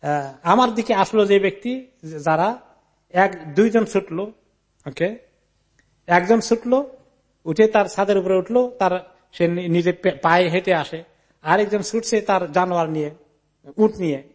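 A man's voice: sits high, measured pace, pauses often. A man giving a Quran commentary lecture. He recites Arabic narration, explains it in Bengali with English words mixed in, and retells the story in the first person. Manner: mixes English words into his talk.

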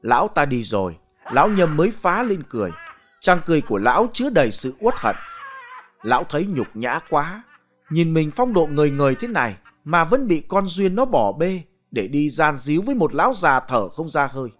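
Expressive male ghost story narrator. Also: on the high side, normal speed, soft background music. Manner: dramatic, expressive.

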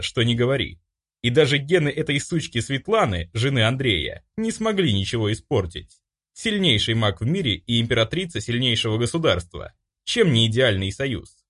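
A man's voice: medium pitch, fairly bright tone. A man reading an audiobook voices a haughty, scheming woman who is an empress. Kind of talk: audiobook inner monologue.

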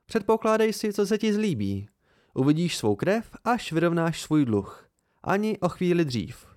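A man reading a fierce young woman, proud and mocking, hisses and snaps, pitched up high, dry sound. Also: sing-song, no echo. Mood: cold. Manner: sharp, mocking and hissing, voice raised high.

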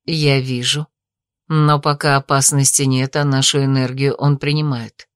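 A woman voicing a hesitant middle-aged noble mother who speaks in an uncertain, measured way in an audiobook. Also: a bass voice, flat delivery, smooth, no echo, clean studio sound, pitched below the performer's own voice. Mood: uneasy.

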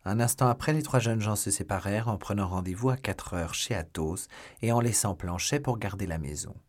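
Husky low-voiced male narrator. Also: fairly quick. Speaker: audiobook narrator. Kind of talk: scripted narration.

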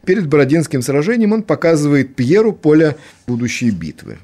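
A man giving a spoken lecture on literature, reading passages aloud and commenting in an unhurried way with small fillers. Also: a little high, big pitch swings, dark tone.

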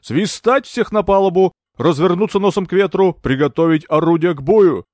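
A man's voice: on the high side, expressive, quick pace, dry recording, clean studio sound, pitched above the performer's own voice, close to an everyday voice. A man voicing a delirious ship captain who rants, accuses and barks orders in an audiobook. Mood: commanding. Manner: ranting, loud, accusing.

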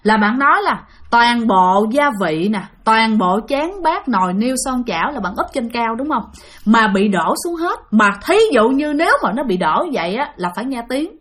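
A woman's voice: on the high side, a bit bright. A woman with a Southern Vietnamese accent narrating a ghost story in a chatty way, talking straight to her listeners. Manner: chatty, addresses listeners directly.

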